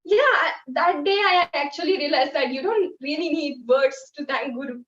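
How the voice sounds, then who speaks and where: Young Indian woman, halting and heartfelt. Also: high voice, a bit bright. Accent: Indian English. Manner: halting, heartfelt, with many fillers. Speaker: guest volunteer. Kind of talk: personal storytelling. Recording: echoey, distant, dull sound.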